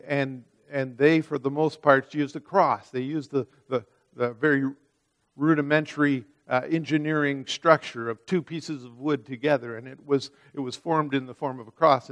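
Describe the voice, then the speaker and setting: Preaching a sermon, a man reads from scripture and then explains it earnestly. His voice is fairly high, and he often repeats words as he restarts a phrase.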